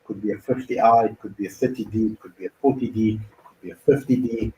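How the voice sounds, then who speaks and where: A lowish, warm voice moves fast and steady as a man from Bulgaria answers viewer questions for a car dealer. He explains each answer step by step in casual, conversational advice, using fillers. A little hiss or hum sits under a roomy echo and faint ambience.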